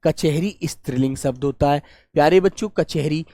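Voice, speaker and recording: A man teaching a grammar class for exam students, warmly coaxing and asking questions that he then answers himself. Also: a little high, dry recording. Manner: warm coaxing, calls students "beta", asks and answers his own questions; stretches key words slowly while dictating notes.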